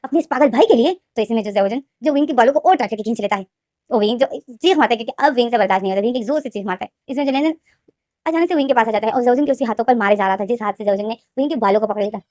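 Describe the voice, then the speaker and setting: A woman casually retelling a fan-fiction story, talking rapidly and repeating names and phrases. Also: a little high, a little mellow, no echo, studio quality.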